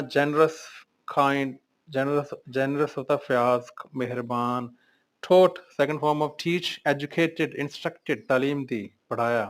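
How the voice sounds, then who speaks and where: A man teaching English vocabulary, voice sitting a little high for a man. He calls out each word, then lists its synonyms one after another with their meanings in Urdu.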